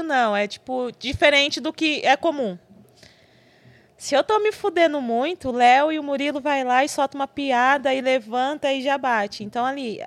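A Brazilian woman talking casually as a podcast guest. Her voice sits a little high, and she speaks in quick, lively bursts with frequent laughter. The talk is relaxed and chatty. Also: no echo. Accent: Brazilian Portuguese. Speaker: podcast guest, TV stage assistant. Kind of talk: casual chat.

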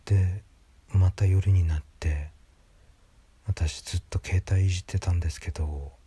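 A man reads a creepy ghost story in a hushed, breathy whisper, speaking conversationally as the narrator. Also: low-pitched, steady tone, normal speed. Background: background music.

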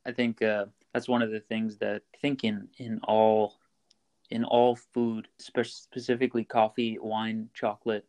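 A man's voice: on the low side, flat delivery, measured pace, a little mellow. Man explaining his work casually. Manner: explains steps plainly, frequent fillers and restarts. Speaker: coffee roaster, guest. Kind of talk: casual interview chat.

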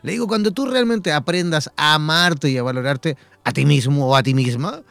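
A man with a Chilean accent chatting casually, repeating himself often and filling pauses with "eh". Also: on the high side, vocal fry, fairly bright tone, dry recording. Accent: Chilean Spanish. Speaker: conversation partner. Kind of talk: casual conversation.

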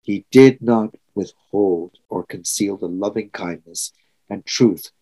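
A man's voice: fairly low pitch, slow, warm tone, rough recording. A sixty-year-old man from Trinidad and Tobago, preaching a sermon in an earnest, reflective way with emphatic swells. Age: 60s.

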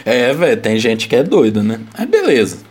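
A man's voice: medium pitch, wildly swooping pitch, moderate pace, darkish tone, breathy edge. A young man, casually telling a story in rambling chat, laughing and packing in slang fillers.

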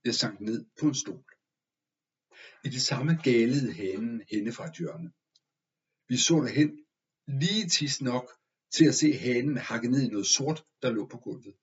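A man reading a first-person story aloud in a measured, expressive way. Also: mid-range voice, dull audio. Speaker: audiobook narrator. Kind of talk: scripted story narration.

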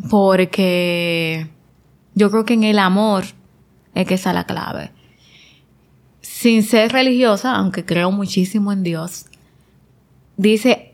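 Earnest woman guest reflecting on a podcast. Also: medium pitch. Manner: earnest, reflective, speaks in repeated emphatic phrases. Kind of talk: conversational podcast interview.

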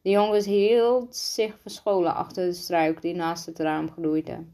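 A woman reading a children's book aloud, halting often and restarting words as she stumbles over the text. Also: on the low side, flat delivery, mellow. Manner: halting, frequent restarts and slips. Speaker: reader.

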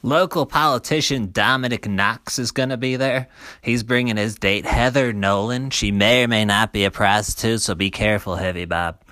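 A man's voice: fairly low pitch, normal speed, sharp tone, no room sound. A man leaving a chummy, boisterous voicemail for a friend, rambling through a long list. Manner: boisterous, chummy, lists names at length. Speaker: caller.

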